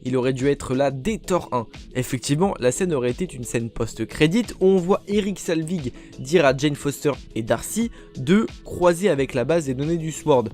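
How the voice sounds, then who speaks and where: Male explainer narrator, fairly high voice, addresses viewers directly, faint music underneath. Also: expressive, normal speed, few pauses, a little mellow. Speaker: video creator.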